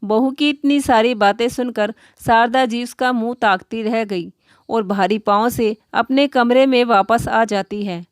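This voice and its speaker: A woman narrates a moral tale in a steady, even, read-aloud manner. Her voice sits fairly high. The recording is close and dry, with no audible room. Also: a little slow, smooth, no room sound. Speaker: storyteller. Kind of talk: scripted storybook narration.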